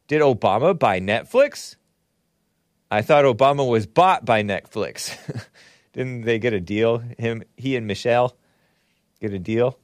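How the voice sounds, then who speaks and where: A man's voice: medium pitch, no room sound. Casual male live streamer, dry close sound. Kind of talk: casual live stream monologue, reading and answering viewer messages.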